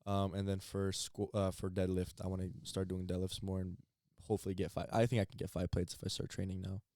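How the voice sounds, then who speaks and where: A teenage man co-hosting a podcast in casual chat, halting and repeating words as he thinks. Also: deep voice, little pitch movement, a little mellow, no echo. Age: teens. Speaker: podcast co-host.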